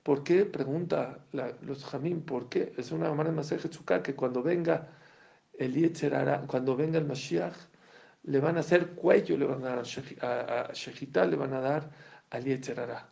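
A man teaching a Torah class, animated and full of rhetorical questions to his students. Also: medium pitch, normal speed, vocal fry, dull audio. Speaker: religious teacher.

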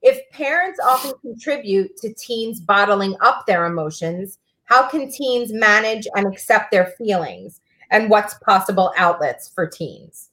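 A woman co-hosting a casual talk show, calmly explaining advice for teens like a counselor. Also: mid-range voice, unhurried. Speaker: podcast co-host giving advice to teens.

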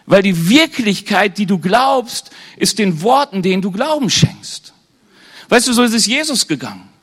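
A man with a notably high voice preaches to a congregation. He keeps the tone conversational, often checks in with his listeners through questions, and adds light humorous asides. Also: fairly bright tone. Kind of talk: sermon to a live congregation.

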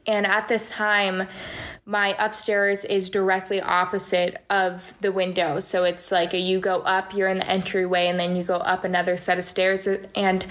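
Woman interviewee, telling a personal story in a level, flat voice with little melody. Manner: flat, steady storytelling voice with few pitch swings. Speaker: interviewee recounting a paranormal experience.

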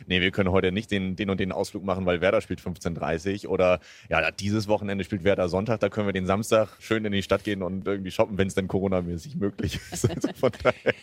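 A man's voice: deep voice, fairly even intonation, quick pace, few pauses. A man in his thirties from Bremen, chatting in an outdoor interview with many fillers and restarts. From Bremen, Germany. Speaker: interviewee, football fan. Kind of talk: casual interview. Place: outdoors at a stadium.

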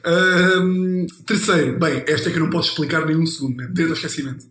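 A man's voice: fairly high pitch, quick pace, fairly bright tone. A man with a European Portuguese accent, blunt and teasing in casual podcast chat, swearing freely. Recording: roomy echo.

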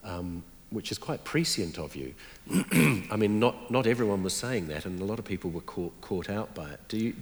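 Deep-voiced man interviewer. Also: animated, normal speed, hardly any pauses, big-room sound. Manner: probing, conversational questioning. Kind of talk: interview questions.

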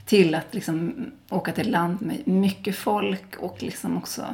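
Gravelly, low-voiced Swedish woman rambling. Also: steady tone, darkish tone. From Sweden. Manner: rambling, with many fillers. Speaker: interview guest. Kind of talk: casual interview conversation.

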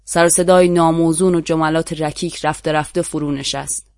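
A narrator with a Persian accent giving a measured, dramatic reading of a literary short story. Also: mid-range voice, steady tone, darkish tone, dry recording, studio quality.

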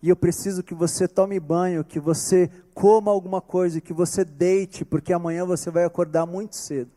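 High-voiced Brazilian pastor telling a story. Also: male voice, fairly even intonation, warm tone. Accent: Brazilian Portuguese. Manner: earnest storytelling, slowing down for emphasis. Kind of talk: storytelling sermon.

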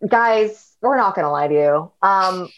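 A woman's voice: mid-range voice, expressive, measured pace, dull audio. A woman co-hosting a podcast in casual chat, laid-back and self-deprecating, rambling through her sign-off. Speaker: podcast co-host.

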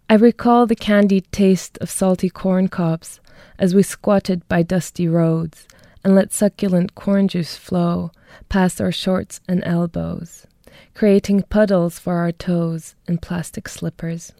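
Taking it slowly, a young poet from Germany reads her poems and talks thoughtfully about her life as a guest, laughing lightly between her words. Her lowish voice has a dark tone and fairly even intonation. The studio-quality recording has no room sound.

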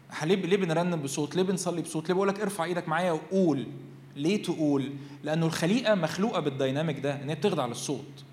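A young man with an Egyptian accent preaches to a youth gathering, quick and animated, often turning questions back on his listeners. His voice sits high and moves fast. The sound carries the long reverb of a church hall. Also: a little hiss or hum. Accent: Egyptian Arabic. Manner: animated, asks the crowd questions and acts out voices. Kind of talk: lively Egyptian Arabic sermon.

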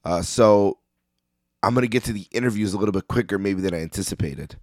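A man hosting a sports podcast in a casual, opinionated monologue, his voice slightly hoarse as if he is losing it. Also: lowish voice, fast talker, a little mellow, no echo, studio quality. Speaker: podcast host.

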